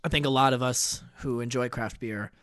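A man's voice: medium pitch, steady tone, moderate pace, fairly bright tone, smooth, no room sound. Male co-host, mid voice, reflective and meandering, dry close mic. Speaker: podcast co-host. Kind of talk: casual chat.

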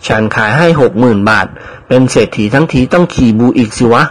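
A man's voice: medium pitch, animated, a little fast, a little hiss or hum, lightly acted. A man voicing a smug male doctor with a salesy manner.

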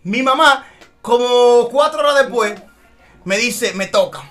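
A man, co-hosting a podcast in casual chat and telling an animated story. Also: very high-pitched, slow, soft background music. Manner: storytelling, animated, laughs often. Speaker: podcast co-host.

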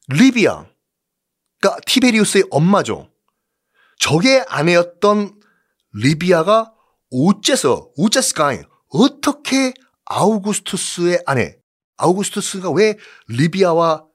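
A man hosting a history show, telling the story in a playful, theatrical way with rhetorical questions to his listeners. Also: a little high. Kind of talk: animated history storytelling lecture.

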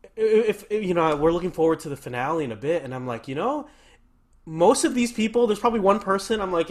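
A man chatting casually as a guest on a podcast, with an enthusiastic, talkative manner. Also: on the high side.

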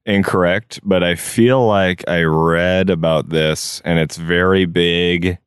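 A man's voice: sits low, steady tone, takes it slowly, clear, resonant tone, no room sound, clean studio sound. A man co-hosting a podcast, chatting casually outdoors in a backyard. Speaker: podcast co-host. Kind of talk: casual chat.

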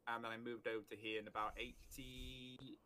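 A man with a North Welsh accent answering questions as a podcast guest in a relaxed, easygoing way. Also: mid-range voice. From North Wales. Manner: relaxed, easygoing, quick to laugh. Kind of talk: casual interview chat.

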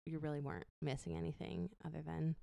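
A woman's voice: low voice, flat delivery, fast, vocal fry, warm tone, dry recording. A woman co-hosting a casual movie chat, chatty, with many fillers and restarts. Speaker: podcast co-host.

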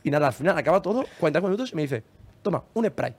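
A man's voice: on the high side, rapid-fire, slightly rough. A young man with a Spain Spanish accent telling a story in casual podcast chat, acting out the lines of the people in it and laughing often. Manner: animated, acts out quoted dialogue, laughs often. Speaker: podcast host.

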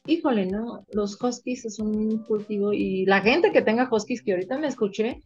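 A woman with a Mexican accent, a veterinarian guest in an interview, telling her stories in an animated, emotional way. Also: mid-range voice, normal speed, husky, highs cut off, faint music behind. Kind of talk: casual interview storytelling.

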